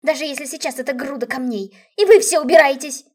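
A woman reading an audiobook, voicing a shrill, furious widowed aunt who yells accusations. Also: quick pace, natural voice. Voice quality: shrill, shrieking. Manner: yelling accusations.

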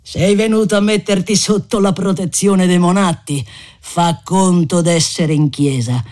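A man's voice: high-pitched, steady tone, measured pace, darkish tone. A man voicing a jeering corpse-carrier.

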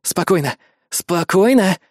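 A man voicing a calm, steady male soldier who speaks quietly and firmly in a storybook reading. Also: high-pitched, takes it slowly, no room sound, studio quality, full character voice. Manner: firm, quiet.

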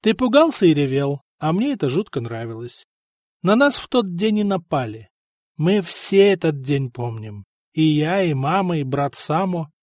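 An earnest young Slavic man, as a male audiobook reader puts him on, calm and steady. His voice sits high and swings lively. The sound is dry and close. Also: normal speed, no echo.

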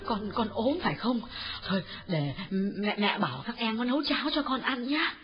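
A man voicing an anxious elderly mother who pleads with her husband in a high, tearful tone. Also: lively intonation, normal speed. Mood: worried. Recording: dull lo-fi audio with faint music.

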